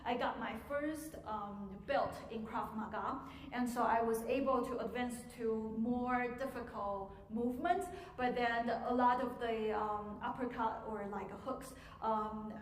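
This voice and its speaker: A higher-pitched woman answers audience questions at a piano masterclass, speaking in a measured way and filling pauses with ums. Her voice rings out in an echoey auditorium with a long reverb tail and a faint hiss underneath. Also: steady tone. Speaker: visiting piano teacher. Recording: echoey hall, faint noise.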